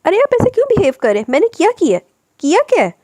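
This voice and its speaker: Woman reading a soft-hearted young wife, high, quick, pleading, dry close read. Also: no room sound, lightly acted. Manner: gentle, pleading. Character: young wife, patient and loving.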